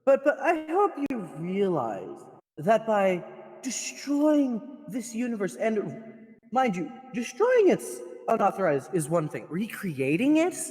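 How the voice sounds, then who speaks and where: Through a cathedral reverb voice mod, a man plays a stern mock prosecutor in an improvised trial roleplay. His voice sits high and a little mellow, and he stammers and repeats words while scolding.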